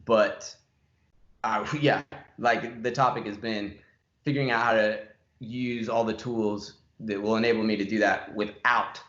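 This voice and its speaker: A man's voice: on the low side, fairly even intonation, a little slow, a bit bright. A man hosting a casual podcast chat, asking curious questions and agreeing readily. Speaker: musician podcast host. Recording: roomy, dull lo-fi audio.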